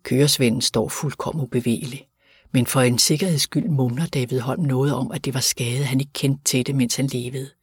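A man narrating an audiobook in an even, measured reading. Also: medium pitch, husky, dry recording, studio quality. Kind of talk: scripted narration.

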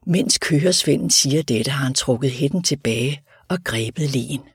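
A man calmly reading a story as scripted narration. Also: medium pitch, breathy edge, no echo, clean studio sound. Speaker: audiobook reader.

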